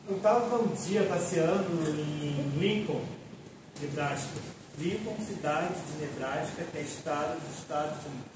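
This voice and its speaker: A man with a Brazilian Portuguese accent playing a self-important, lonely doctor in a live solo stage monologue, telling his story in halting bits with asides to the audience. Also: fairly high pitch, close to an everyday voice. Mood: storytelling. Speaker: stage actor in a solo play. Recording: echoey theater sound from far off, with noise.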